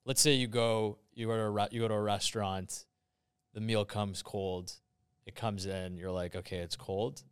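A man with a lowish, smooth voice, recorded close and dry, hosts a podcast. He chats casually and earnestly in informal, bro-like phrasing. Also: steady tone, moderate pace, no echo. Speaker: podcast host. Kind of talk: casual chat.

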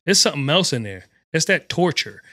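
A man's voice: a little high, very animated, a little fast, bright, forceful tone, dry recording, clean studio sound. A man co-hosting a casual podcast debate, talking bluntly and profanely, rambling with lots of fillers. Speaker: podcast co-host.

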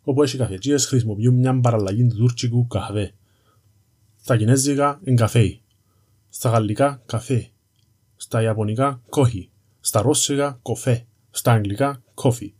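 Presenting an educational series about language history, a Cypriot Greek-accented man explains things informally and directly, like telling a story to the listener. His voice is medium-pitched and a little mellow.

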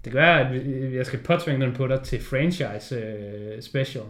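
A man co-hosting a casual film discussion, swearing freely and acting out scenes in quick quoted voices. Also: medium pitch, steady tone, fairly bright tone. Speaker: podcast co-host. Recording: roomy echo.

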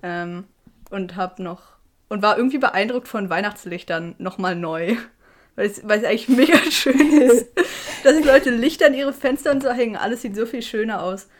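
A woman's voice: medium pitch, normal speed. A young woman from Switzerland co-hosting a podcast, chatting casually with friends and rambling with laughs. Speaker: podcast co-host. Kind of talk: casual chat.

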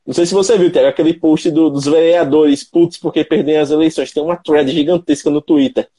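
A man's voice: fairly high pitch, steady tone, a little fast, dark tone, breathy edge. A man with a Brazilian accent, hosting a mobile photography channel, who talks emphatically and asks rhetorical questions. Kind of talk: live chat on a stream.

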